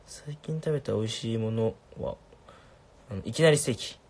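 Husky laid-back young man. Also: mid-range voice, moderate pace. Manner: laid-back, soft-spoken, reads comments aloud. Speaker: livestream host answering viewer questions. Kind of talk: casual livestream chat.

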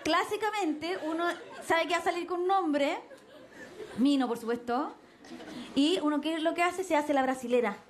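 A young Chilean woman doing a stand-up comedy set on stage, brash and slangy, swinging her pitch for quoted voices. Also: moderate pace. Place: stage before a live audience. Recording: noisy live TV stage with crowd. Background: crowd laughter.

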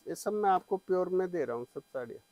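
A middle-aged man giving an eager teleshopping-style sales pitch, full of repeated assurances, as he presents products on a lapel mic. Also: expressive, fast talker, darkish tone, dry recording. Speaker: saree shop seller and presenter. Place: small saree shop, indoors. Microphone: clip-on lapel mic.

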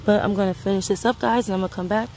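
A woman from Brooklyn, New York City, working as a homestead vlogger, races through casual chatter with her "guys" while picking peppers in a sunny garden, caught on a phone. Her mid-range voice is a little mellow with fairly even intonation, and there's a faint hiss or hum.

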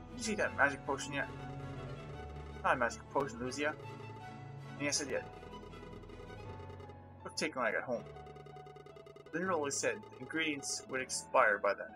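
A game reviewer reading game dialogue aloud, switching between the lines of two bickering characters. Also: mid-range voice. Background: game music.

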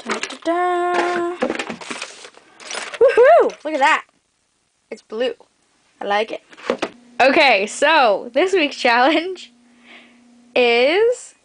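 A woman's voice: high-pitched, fairly bright tone. A young adult woman chatting casually and playfully to camera as a video blogger, recorded in a small bedroom on the camera's mic. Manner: playful, teasing. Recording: noisy home webcam-style recording.

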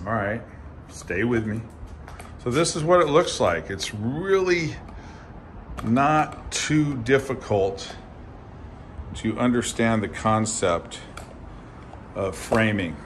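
A man's voice: medium pitch, expressive, slow, long pauses, a little hiss or hum. A man giving a casual walkthrough of an unfinished framed building, talking straight to his viewers in a folksy, repetitive way while filming on a phone. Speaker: construction walkthrough guide. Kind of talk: casual filmed site walkthrough.

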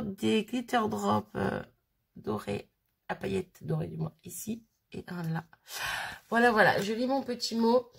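A woman's voice: mid-range voice, creaky, husky. A woman in her thirties chatting casually as she unboxes a birthday parcel, rambling and giggly, with a sniffly nose. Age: 30s. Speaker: crafting vlogger.

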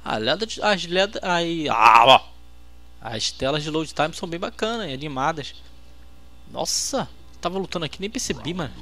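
A man with a Brazilian accent giving excitable, trash-talking commentary while playing a fighting game. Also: fairly high pitch, moderate pace. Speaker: gameplay host. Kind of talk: let's-play commentary.

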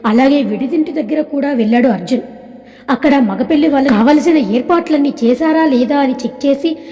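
High-voiced woman narrating a story. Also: brisk, dark tone. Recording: long echoing reverb.

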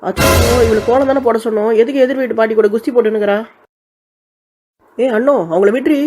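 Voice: medium pitch, steady tone, fast talker, soft background music, close to an everyday voice. Someone playing a kind, peacemaking elder sister. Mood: mediating. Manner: soothing, scolding her sister gently, generous. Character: kind, calm elder sister who mediates. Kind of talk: comic village skit acting.

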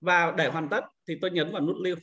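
High, bright-voiced man walking through steps. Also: fairly even intonation, fast, muffled recording. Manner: patient step-by-step explaining. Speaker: teacher trainer. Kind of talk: screen-recorded software tutorial.

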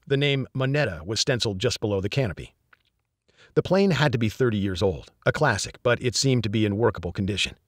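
A man reading a first-person thriller audiobook in an even, measured storytelling manner. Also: on the low side, no echo, studio quality. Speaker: audiobook narrator.

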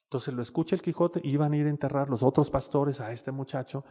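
A man's voice: medium pitch, fast talker, mellow. A man with a Mexican accent giving a casual, conversational lecture with slides as a panelist, often tagging on "¿no?". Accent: Mexican Spanish. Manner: conversational, peppers speech with "este" and "¿no?". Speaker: panelist speaking on literature and mental health. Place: lecture room at a university campus. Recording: reverberant hall sound.

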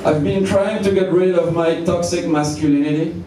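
A young man performing deadpan one-liners on a comedy club stage into a handheld mic, pausing before each punchline. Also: high voice, heavy background noise. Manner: deadpan, slow deliberate pauses before punchlines. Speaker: stand-up comedian. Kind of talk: live stand-up one-liners. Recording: roomy distant club sound with loud crowd.

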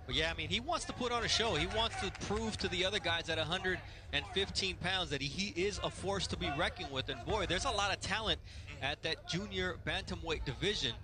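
High-voiced male boxing play-by-play commentator. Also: a little fast. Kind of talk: live sports commentary.

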